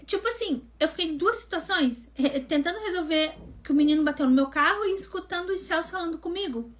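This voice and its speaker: A woman mentor hosting a live devotional, telling a personal testimony in a lively, conversational way and acting out what people said. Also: very high voice, fast talker. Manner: animated storytelling, acting out quoted dialogue; conversational, addresses listeners as gente.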